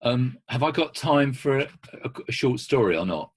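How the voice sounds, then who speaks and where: A man's voice: mid-range voice, animated, moderate pace, husky. A man giving an informal talk over a video call, conversational and anecdotal, with frequent restarts. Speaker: speaker working with children.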